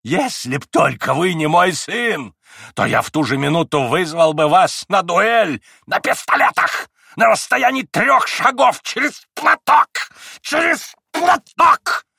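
Shrill old buffoon, screeching, spluttering, high-pitched. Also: male voice, normal speed, gravelly, sharp tone, slightly rough, no echo, studio quality, full character voice. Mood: screaming.

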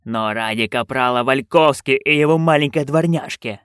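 A man voicing a fretful, commanding dwarf stage director who drills his troupe with slow, barked questions in an audiobook. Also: mid-range voice, a bit bright, clear, resonant tone, no room sound, clean studio sound, close to an everyday voice. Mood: rousing. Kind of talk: audiobook narration.

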